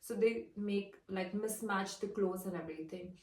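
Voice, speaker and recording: A woman's voice: medium pitch, moderate pace. A young woman in her twenties from India, with an Indian English accent, chatting casually as she tells a story and acts out the dialogue. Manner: chatty, retells dialogue with "I'm like". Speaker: fashion model. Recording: roomy, distant mic.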